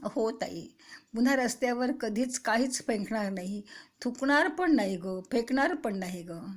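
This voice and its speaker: A woman's voice: on the high side, lively intonation, a little slow. A woman voicing a small boy who is tearful and apologetic in a children's story.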